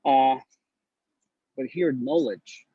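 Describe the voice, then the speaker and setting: Husky man, dull lo-fi sound. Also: mid-range voice, very slow, warm tone, no echo. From Honduras. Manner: earnest and blunt, repeats words as he talks. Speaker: interview guest, newly matched neurology resident. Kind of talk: casual interview, giving advice. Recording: slightly dull lo-fi recording.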